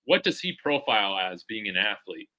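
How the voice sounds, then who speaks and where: A man's voice: fairly low pitch, sing-song, moderate pace, pushed and bright, low-quality recording. A man hosting a casual sports talk show, eagerly asking his guest questions. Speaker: show host.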